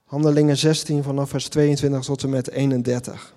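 A man's voice: mid-range voice, flat delivery, a little fast, dark tone, big-room sound. A man preaching a sermon and reading scripture, earnest, with emphatic repetitions and rhetorical questions.

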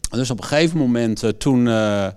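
A man's voice: mid-range voice, a little fast, clear, resonant tone. A man preaching, telling vivid stories in a sermon, often restarting sentences as he goes. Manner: lively storyteller who acts out quotes. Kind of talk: storytelling sermon.

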